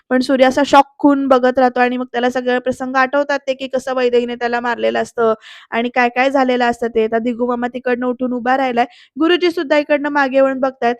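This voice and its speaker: A woman's voice: high voice, no room sound, clean studio sound. A woman narrating a voice-over recap of a TV serial episode in a chatty way, often turning to address the viewers.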